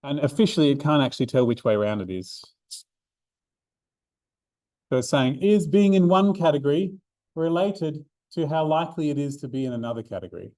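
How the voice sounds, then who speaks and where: A man's voice: on the high side, brisk, dark tone, no room sound. Chatty man tutoring a statistics class. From Australia. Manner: chatty, many ums and restarts. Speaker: maths tutor. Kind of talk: revision seminar lecture. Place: university classroom.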